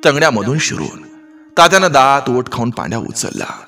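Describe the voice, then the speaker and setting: A man's voice: mid-range voice, big pitch swings, moderate pace, sharp tone. A man narrating a story aloud with a vivid, dramatic reading. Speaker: story reader. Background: faint background music.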